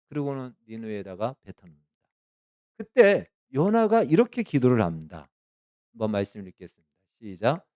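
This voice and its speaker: A man's voice: medium pitch, smooth, no echo. Emphatic preaching man, dry close sound. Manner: emphatic, rising to loud peaks when quoting prayers. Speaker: pastor. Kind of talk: sermon.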